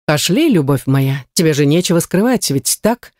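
A woman voicing a smug, domineering male rector who teases in a low, mocking drawl. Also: animated, normal speed, mellow, no echo, studio quality. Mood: teasing.

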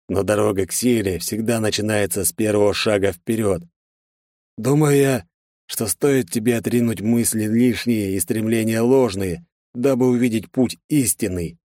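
Stenar, a slow solemn sage, voiced by a man. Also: lowish voice, a little mellow, no echo, studio quality, lightly acted. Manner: slow, solemn, inverted sentences. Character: calm wise large man Stenar, Yoda-like speech.

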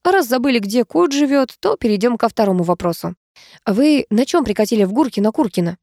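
A methodical male investigator presses with questions and lays out his findings, as a woman reads him. The voice is mellow and the sound close and dry. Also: a little high, animated, a little fast, dry recording, voice pushed up. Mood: probing.

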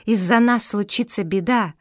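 A woman voicing a gentle, brave older sister dog in a children's audiobook, earnest and tearful. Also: mid-range voice, moderate pace, no echo, clean studio sound, natural voice. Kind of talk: audiobook reading.

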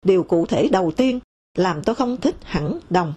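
A woman narrating a memoir audiobook in a steady, measured storytelling manner, reading the quoted dialogue in her own voice. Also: fairly low pitch, slightly rough. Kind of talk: memoir read aloud.

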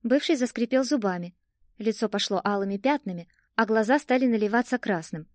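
A woman narrating a first-person audiobook in a lively, expressive storytelling manner. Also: fairly high pitch, dry recording, clean studio sound.

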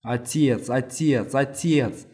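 A frightened young woman in an audiobook, frantic and pleading, her voice pitched up and pressed harder than the reader's own, as a man puts her on. She speaks in a rush of fear, and the voice sits at a middling pitch for a man. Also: takes it slowly, warm tone, lightly acted. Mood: anguished. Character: terrified young woman hiding a family secret. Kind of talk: audiobook reading.

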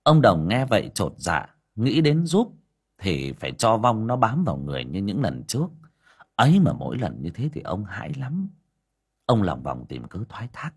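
A man's voice: lowish voice, huge pitch swings, moderate pace, husky. A man narrating a ghost story expressively. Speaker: audio story narrator, livestream host.

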